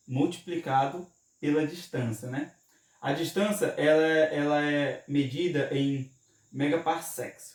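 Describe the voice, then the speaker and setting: Man, science lesson, informal explaining, fairly high voice, roomy echo. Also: a little mellow. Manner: informal, frequent "né?" tag questions and restarts. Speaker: math and science teacher. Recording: echoey room, voice from far off mic.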